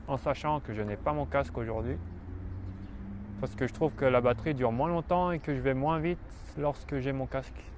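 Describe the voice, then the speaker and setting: A man with a slight lisp giving casual, informal commentary to viewers while riding outdoors. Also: on the high side. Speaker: vlogger filming his ride. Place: outdoors, riding an e-bike in city streets. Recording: loud wind noise on outdoor microphone. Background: wind, ambient street noise.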